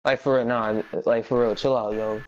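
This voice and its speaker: A man's voice: medium pitch, flat delivery, normal speed, lo-fi sound. A young man talking in a blunt, slangy, sweary way over casual gaming voice chat. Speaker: online gamer. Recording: noisy game chat with clicks.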